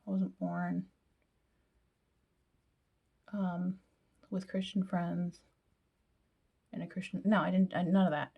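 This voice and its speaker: A woman's voice: fairly low pitch, flat delivery, slow pace, creaky, long pauses, slightly rough, phone-quality sound. A young woman chatting casually through a makeup tutorial, with self-deprecating asides that sometimes drop to a whisper. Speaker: beauty vlogger.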